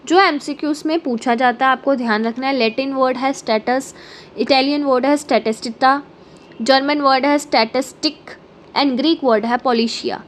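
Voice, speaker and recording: A woman's voice: sits high, moderate pace, slight background noise. A woman lecturer explaining an exam prep lesson step by step, mixing English terms into her Hindi and checking in often. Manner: explains step by step with frequent "ठीक है" check-ins.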